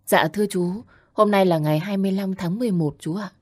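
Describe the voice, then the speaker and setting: A man voicing a gentle young woman who speaks softly and politely to an older man. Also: high-pitched, slow, pitched above the performer's own voice. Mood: caring. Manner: soft and polite.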